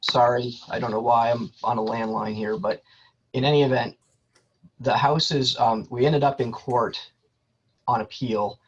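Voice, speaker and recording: Speaking over a landline, a male lawyer representing an applicant gives a formal statement to a board, measured and orderly but with frequent ums. His voice is mid-range and husky. The phone line sounds muffled and lo-fi.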